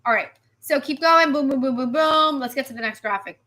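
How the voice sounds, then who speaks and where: Speaking high-pitched and brisk, this female weather forecaster streams live, lively and talkative, saying things more than once and answering what viewers write in.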